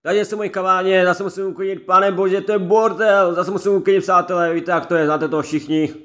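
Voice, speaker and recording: A man with a high-pitched voice running through a let's-play, talking straight to his viewers and repeating himself as he goes. He has a head cold and keeps up a loose, rambling commentary over the game. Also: fairly even intonation, a bit bright. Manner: chatty, repetitive, keeps addressing viewers. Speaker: gaming let's-play creator. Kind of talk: casual gameplay commentary.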